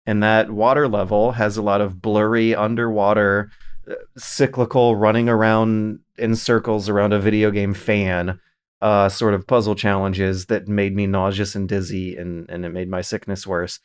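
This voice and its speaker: A man in his thirties, a podcast host telling animated stories in casual chat. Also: lowish voice, normal speed, clear, resonant tone. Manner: animated storytelling, reads listener questions aloud.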